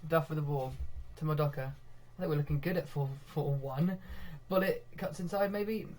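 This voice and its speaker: A young man commentating live on his own football management game, getting excitable when goals come and laughing at himself. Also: fairly high pitch, normal speed. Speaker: gaming video host.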